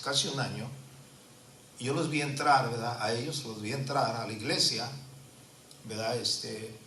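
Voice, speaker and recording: A man's voice: mid-range voice, bright, forceful tone, distant mic. A man in his fifties, a pastor, preaching a sermon with a personal testimony in an earnest way, often adding tag questions. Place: church. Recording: echoey church from afar, faint noise.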